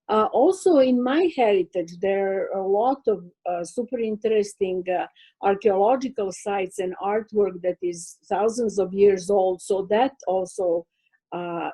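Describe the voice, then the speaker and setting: Here a guest artist, an older woman from Serbia, responds to interview questions on a video call in her Serbian accent. She is hesitant, uses many fillers, and keeps a slow, thoughtful pace; her medium-pitched voice is warm and a bit breathy, captured on a rough recording.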